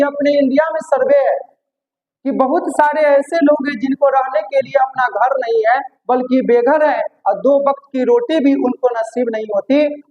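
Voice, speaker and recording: Man, Bihari accent, high-pitched, classroom teacher, call-and-response lecture, muffled recording. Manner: repeats each point as a question, coaxing and teasing students.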